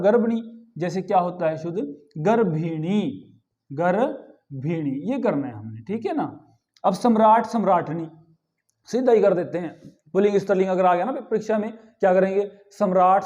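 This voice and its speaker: High-voiced male teacher drilling words. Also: warm tone. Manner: repeats each word slowly and drills correct forms; addresses students as children, asks questions and answers them. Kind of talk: grammar lesson.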